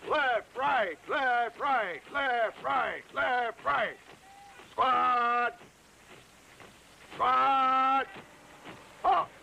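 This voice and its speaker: A man's voice: extremely high pitch, very slow, creaky, pauses often, bright, forceful tone, a little hiss or hum, heavily acted, poor audio. An actor playing a bossy male army drill sergeant who barks clipped commands in a dubbed film. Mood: barking orders. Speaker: drill instructor.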